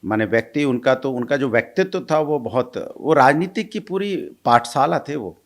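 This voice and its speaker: A middle-aged man tells stories as an interview guest, in a voice of middling pitch. He talks casually, laughs along the way and acts out the lines of the people in his stories. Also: moderate pace. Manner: animated, laughs while recounting, acts out quoted lines. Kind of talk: casual storytelling.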